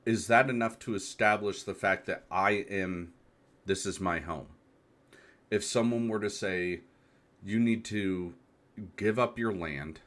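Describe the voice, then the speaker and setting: An American podcast host in his thirties delivers a solo monologue in a fairly low, slightly bright voice. He sounds reflective and hesitant, posing rhetorical questions as he goes.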